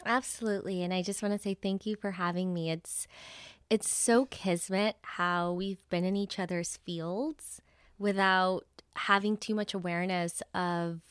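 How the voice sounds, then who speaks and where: Podcast guest, thirties, woman from El Salvador: low, gentle and reflective, recorded dry and close. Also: fairly even intonation, unhurried, clean tone, dry recording. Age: 30s. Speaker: podcast guest, wellness practitioner. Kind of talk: casual conversation.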